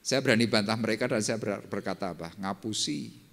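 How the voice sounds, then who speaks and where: Animated older pastor preaching. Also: male voice, fast talker. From Indonesia. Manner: animated, swings from low murmurs to loud high exclamations. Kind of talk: sermon with personal testimony. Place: church service.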